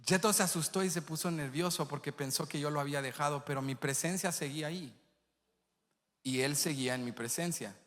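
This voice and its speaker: Recorded in an echoey church hall, a man preaching in a sanctuary tells vivid stories with impassioned energy. His voice sits on the high side, a bit bright, and he speaks fairly quickly.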